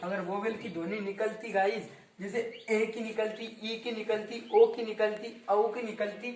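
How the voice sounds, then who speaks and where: A man's voice: sits high, fairly even intonation, unhurried, darkish tone, a little hiss or hum. A young man teaching a grammar lesson, asking his students questions, repeating words and often correcting himself. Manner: frequent self-corrections. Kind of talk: grammar lesson explained in Hindi. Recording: roomy echo, distant from mic.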